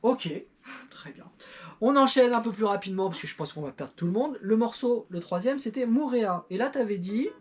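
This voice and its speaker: A woman's voice: fairly high pitch, lively intonation, moderate pace, darkish tone. A middle-aged woman in casual chat, reviewing an old record with her child in a playful, self-mocking way with many fillers. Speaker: YouTuber and parent.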